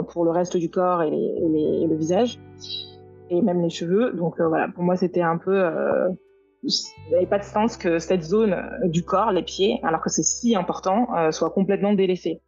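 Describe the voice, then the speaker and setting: Woman, 30s, from France, podcast guest, hesitant, lowish voice, muffled sound. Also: fairly even intonation, moderate pace, warm tone, slightly rough, soft background music. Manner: hesitant, many fillers. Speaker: guest, skincare founder. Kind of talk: podcast interview.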